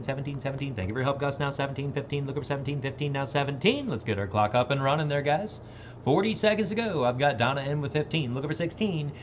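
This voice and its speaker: A man's voice: fairly high pitch, slight background noise. A man working as an auctioneer, repeating numbers in a bid chant and talking informally to bidders. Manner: informal, plain-spoken.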